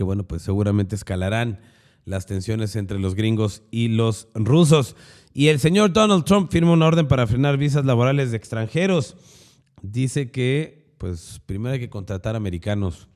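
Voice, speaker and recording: A man's voice: mid-range voice, darkish tone. Sarcastic Mexican man reading news. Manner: sarcastic, with crude slangy asides. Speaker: podcast news host. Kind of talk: opinionated news commentary.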